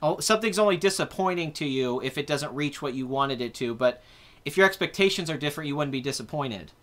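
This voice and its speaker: A man's voice: a little high, animated, fast talker, a bit bright. A man in his twenties hosting a casual live chat about movies, rambling and correcting himself as he answers viewer comments. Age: 20s. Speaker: host.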